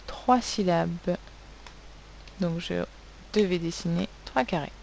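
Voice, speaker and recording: A woman's voice: fairly low pitch, takes it slowly, creaky, a little mellow, slight background noise, poor audio. A woman teaching a recorded phonics lesson to young pupils, spelling out sounds letter by letter. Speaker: primary school teacher.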